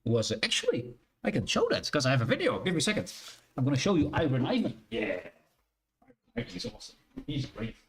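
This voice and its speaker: A man's voice: a little high, huge pitch swings, quick pace, gravelly, a little hiss or hum. A young Dutch man with a Dutch accent, chatting casually with his live-stream chat from a shared living room, rambling and correcting himself as he goes. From Netherlands.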